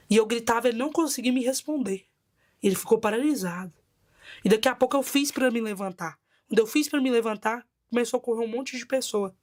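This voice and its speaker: A Brazilian woman with a Brazilian Portuguese accent gives a personal testimony as a bishop. Her voice sits a little high. She retells events vividly and dramatically.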